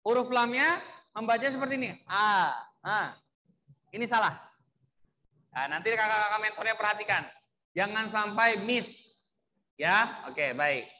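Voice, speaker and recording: A man's voice: sits high, animated, moderate pace, pauses often, pushed and bright, long reverb tail. A man teaching Quran recitation, demonstrating vowel sounds and having the class repeat them.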